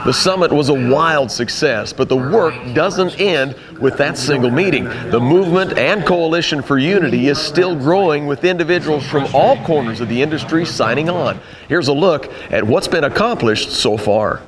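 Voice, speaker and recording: A man's voice: fairly high pitch, expressive, normal speed, a crowd in the background. An American man hosting a broadcast with scripted narration. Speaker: host.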